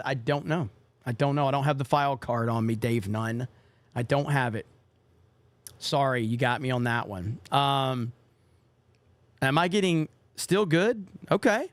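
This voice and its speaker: Reading viewer donations aloud on his casual livestream, a young male podcast host drops swear words offhandedly. His voice is slightly high, with no room sound.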